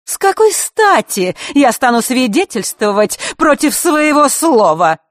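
A woman voicing a villainous female clockmaker who taunts and shouts in a high, strained voice. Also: sing-song, a little slow, no room sound, clean studio sound. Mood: mocking. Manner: taunting, shouting, sing-song.

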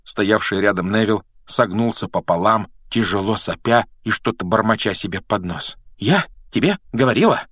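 A man narrating an audiobook in an expressive, measured way. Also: fairly low pitch, no room sound, clean studio sound. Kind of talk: scripted narration.

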